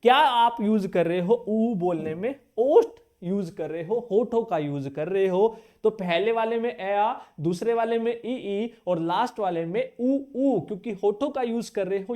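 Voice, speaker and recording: A man's voice: high-pitched, dark tone. Drilling male grammar teacher. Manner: asks the class questions and answers them himself; repeats key terms over and over, drilling. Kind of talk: exam-prep grammar lesson.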